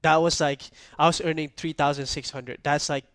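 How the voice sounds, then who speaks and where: A young man from Malaysia, hosting a podcast, telling a story in a relaxed way and asking "right?" often. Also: a little high, moderate pace, no room sound, clean studio sound. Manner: storytelling, laid-back, peppered with "like" and "right?". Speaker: podcast host. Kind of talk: casual podcast chat.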